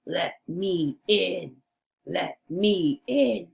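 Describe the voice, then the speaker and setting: A woman doing a gruff big bad wolf. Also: expressive, exaggerated voice. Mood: growling. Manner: slow, low, drawn-out demands.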